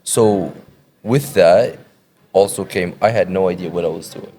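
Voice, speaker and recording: A young man with a very low, dark voice chats as a podcast guest. He talks in an easygoing way and laughs often. Faint room ambience sits under his voice. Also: unhurried, slight background noise. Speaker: podcast guest, teacher and food blogger. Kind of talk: casual podcast chat.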